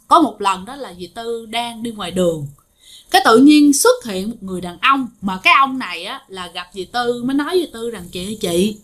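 A woman's voice: a little high, a bit bright. A woman with a Southern Vietnamese accent telling a ghost story in a chatty, repetitive way, speaking straight to her listeners.

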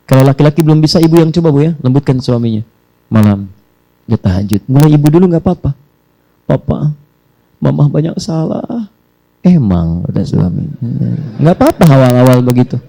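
Brief: emotional male preacher, gravelly voice, lots of repetition and soft murmured prayer. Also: medium pitch. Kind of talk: sermon.

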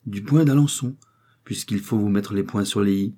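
A man voicing a shrewd, greedy old female secondhand-clothes dealer in an audiobook reading, haggling and quick to take offense. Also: lowish voice, dark tone, breathy edge.

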